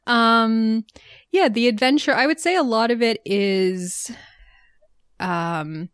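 A woman's voice: fairly high pitch, slow pace, smooth, dry recording, studio quality. A woman co-hosting a film podcast, talking in a chatty, thoughtful way and laughing easily. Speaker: podcast co-host. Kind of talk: casual chat.

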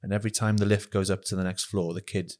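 A man co-hosts a casual film podcast. His voice sits somewhat low, and he recaps films in a chatty, amused way. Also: little pitch movement, quick pace, darkish tone. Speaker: podcast co-host.

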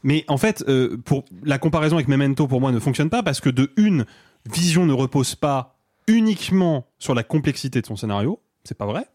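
A man's voice: medium pitch, lively intonation, a little mellow, no echo, clean studio sound. A man arguing his point insistently in a casual film debate on a podcast panel. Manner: insistent, argumentative, rapid. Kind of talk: heated debate.

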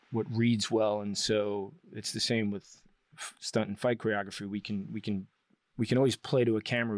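Low-voiced man recounting his career. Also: dry recording, studio quality. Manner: enthusiastic, rambling explanations with frequent restarts. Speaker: guest. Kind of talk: casual interview storytelling.

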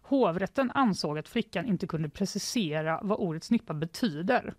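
A woman's voice: fairly low pitch, expressive, a little mellow, no echo. A woman hosting a casual news podcast, relaying stories with wry, dry quips.

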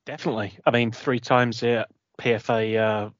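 A man's voice: medium pitch, level tone, normal speed, dry recording. Essex-accented man hosting, dry lo-fi sound. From Essex, England. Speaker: podcast host. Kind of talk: casual football panel talk. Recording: dull, lo-fi close recording.

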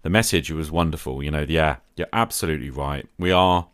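A man's voice: very deep voice, a little fast, fairly bright tone, clear, resonant tone, no echo, clean studio sound. A middle-aged man hosting a podcast, talking reflectively and gratefully as he replies to listeners. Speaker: podcast host. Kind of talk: solo podcast talk replying to listener calls.

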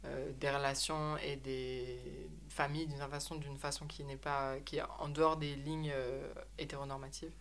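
Low, flat-voiced woman interpreting. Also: normal speed, few pauses. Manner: hesitant, many euhs and self-corrections. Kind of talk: consecutive interpreting into French.

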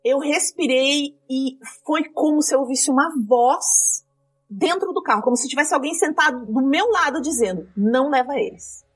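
A woman's voice: high-pitched, moderate pace, far from the mic, faint music behind. A woman, telling a dramatic story from her rideshare driving in casual chat. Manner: lively, dramatic retelling with quoted dialogue.

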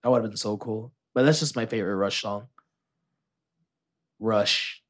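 A man hosting a casual podcast, animated and teasing, swearing casually as he chats. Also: fairly low pitch, unhurried. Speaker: podcast host.

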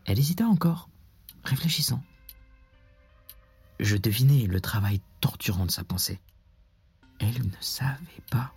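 A man narrating a literary story in a measured way that often drops to a whisper. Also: medium pitch, animated, a little mellow, breathy edge, no echo, faint music behind.

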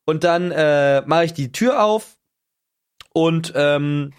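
A young man co-hosting a podcast, telling a story in casual chat, animated and swearing freely. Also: fairly high pitch, slow, clean tone. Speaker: podcast co-host.

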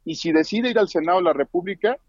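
Rapid-fire analyst on a dull, lo-fi line. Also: male voice, high-pitched, a little mellow, dry recording. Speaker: guest analyst. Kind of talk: radio commentary by phone.

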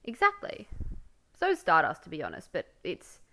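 A woman's voice: lowish voice, wildly swooping pitch, normal speed, gravelly, sharp tone, a little hiss or hum. A young woman co-hosting a podcast in casual chat, gushing and effusive with frequent fillers. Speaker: podcast co-host.

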